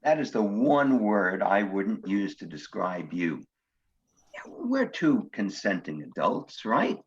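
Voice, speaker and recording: A lowish, sing-song male voice takes its time as an actor plays a widowed grandfather courting on a video date in a stage comedy. The character is courteous, precise, earnest and a bit formal, and the sound is dull and muffled.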